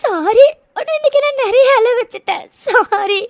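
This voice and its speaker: Woman doing a sorry little young wife in a cartoon, squeaky high voice, weepy and pleading, dry close mic. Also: measured pace, dry recording. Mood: weepy apologetic. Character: remorseful young wife, sweet and clinging. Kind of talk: tearful cartoon drama voice acting.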